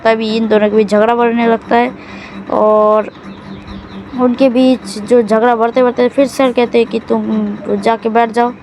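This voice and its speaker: A woman's voice: on the high side, little pitch movement, unhurried, darkish tone, slight background noise, poor audio. A woman casually recapping a drama's plot in a loose, rambling way, often correcting herself mid-sentence.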